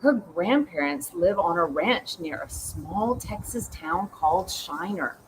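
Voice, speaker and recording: Slow, expressive woman storyteller. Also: fairly low pitch, slight background noise, poor audio. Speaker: reader. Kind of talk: reading a children's book aloud.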